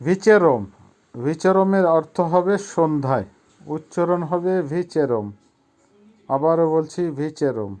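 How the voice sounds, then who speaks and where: A man teaching a vocabulary lesson, saying each word, giving its meaning, and repeating it slowly for pronunciation. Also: a little high, dark tone. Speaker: language teacher.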